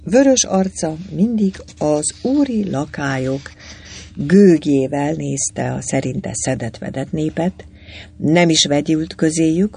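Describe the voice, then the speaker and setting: A man reads a novel aloud with lively, expressive delivery. His voice is husky, and his pitch swings widely from phrase to phrase. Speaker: narrator. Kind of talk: audiobook reading of a novel.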